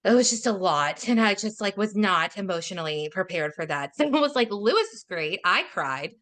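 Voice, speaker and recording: A woman's voice: medium pitch, animated, normal speed, a bit bright. A woman co-hosting a podcast in casual conversation, rambling with lots of "like" and laughing often. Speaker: podcast co-host.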